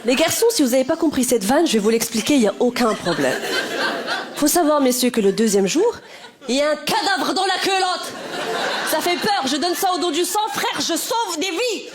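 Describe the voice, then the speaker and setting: A woman stand-up comedian, talking directly to the audience on stage in a lively, energetic way. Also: high-pitched, normal speed. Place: on stage before a live audience. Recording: live stage with loud crowd noise.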